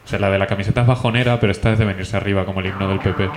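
Low-voiced teasing man, casual podcast. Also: steady tone, rapid-fire, over a noisy crowd. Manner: joking, teasing. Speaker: podcast co-host. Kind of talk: casual chat.

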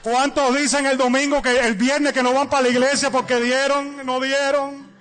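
Man, pastor, high-pitched, animated sermon storytelling. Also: normal speed, soft background music. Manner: animated storytelling, acting out dialogue.

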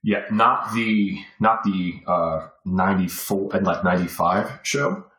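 A man in his forties from Virginia rambles casually as a podcast guest, reminiscing and sprinkling in "you know." His low voice is a bit bright and a little slow. The audio is roomy and echoey, with slight background noise.

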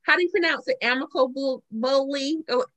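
Southern lady hosting a casual chat show, high lively voice that swoops around. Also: moderate pace. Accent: Southern American. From southern United States. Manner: animated, acts out remembered conversations. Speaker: talk show host.

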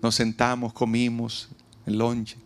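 A man preaching a sermon at an outdoor event, taking dramatic pauses and acting out the lines he quotes. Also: mid-range voice, monotone. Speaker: pastor.

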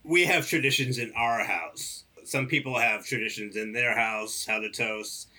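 A man co-hosting a podcast with halting, jokey improvised comedy talk. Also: medium pitch, pushed and bright, poor audio. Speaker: podcast co-host. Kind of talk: improvised comedy monologue and banter.

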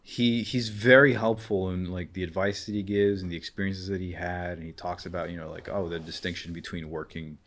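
A man's voice: low-pitched, fairly even intonation, a little fast, hardly any pauses, fairly bright tone. A young man hosting a podcast, chatting casually with lots of fillers and the odd profane joke. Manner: rambling, heavy on fillers, joking and profane. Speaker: podcast host. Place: indoor room, in person.

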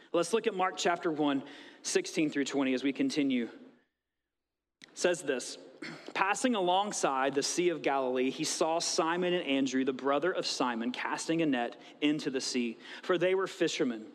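A man's voice: fairly high pitch, normal speed. A man in his thirties, a pastor preaching a conversational sermon and acting out little dialogues. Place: church sanctuary. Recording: long reverb of a church hall.

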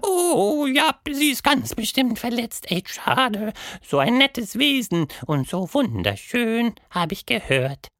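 A squeaky cheeky little monster. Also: male voice, very animated, slow pace, few pauses, a bit bright, no room sound, clean studio sound, exaggerated voice. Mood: teasing. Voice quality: tiny squeaky voice. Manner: teasing, mock-innocent. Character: giggly cheeky fluffy pink monster creature.

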